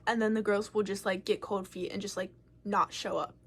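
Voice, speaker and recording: A woman's voice: mid-range voice, fairly quick, husky. A young woman casually telling a personal story to camera, frank and swearing freely, with lots of filler words. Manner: animated, shifting loudness as she tells it. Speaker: vlogger.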